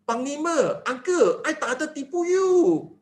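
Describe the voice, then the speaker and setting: A man doing a high, cocky village boy. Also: very animated, unhurried, full character voice. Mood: matter-of-fact. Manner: matter-of-fact, explaining patiently. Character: cheeky young village boy, calm and sure.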